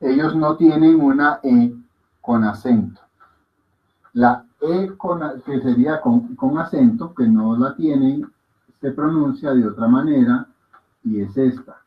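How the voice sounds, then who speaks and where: A male teacher leads a class at an unhurried pace. He patiently sounds out each vowel and checks in with the room. The recording is dull and lo-fi. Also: medium pitch. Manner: patient, demonstrative, repeats sounds and checks for understanding. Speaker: language teacher. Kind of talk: classroom lesson.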